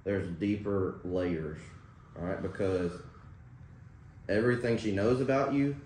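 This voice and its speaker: A low-pitched man speaks a little slowly as he explains a dog training session in a relaxed, casual way, full of "like" and checking in with "right?". He's recorded from a distance in a very echoey room with faint noise behind him.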